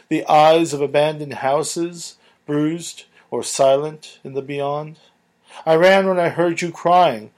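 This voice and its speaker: A man reading his own poem aloud in a slow, measured recitation. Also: fairly high pitch, darkish tone. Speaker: poet. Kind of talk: poetry reading.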